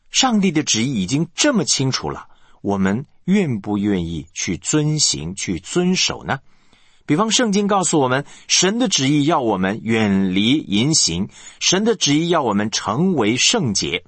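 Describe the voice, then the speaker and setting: A man's voice: mid-range voice, a bit bright, breathy edge, no echo. A male pastor preaching a sermon, asking the congregation rhetorical questions.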